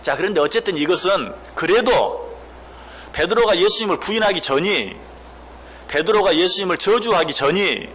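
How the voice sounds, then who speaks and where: Preacher: male pastor, somewhat high voice, sermon delivery with rhetorical questions, faint church room noise. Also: lively intonation, moderate pace, fairly bright tone. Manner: asks the congregation questions, acts out quoted speech.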